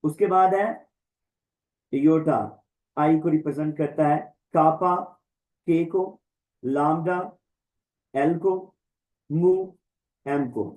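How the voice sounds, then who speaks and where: A man teaching an online Greek class, slowly reciting and repeating letter names for students to follow. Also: fairly high pitch, a little mellow, low-quality recording. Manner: slow, repetitive recitation, drawing out letter names. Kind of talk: online class lesson, drilling the alphabet.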